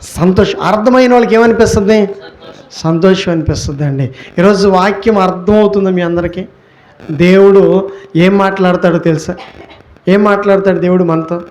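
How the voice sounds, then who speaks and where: Male pastor, fairly high voice, sermon delivery; poses questions then answers, stretches key words slowly. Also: fairly even intonation, darkish tone. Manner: rhetorical questions answered by himself.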